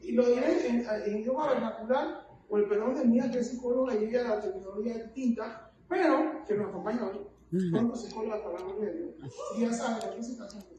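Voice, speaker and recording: A woman's voice: fairly high pitch, quick pace, a crowd in the background. A woman preacher delivering a fervent sermon who keeps calling her listeners "hermano". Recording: echoey hall, distant mic, faint noise.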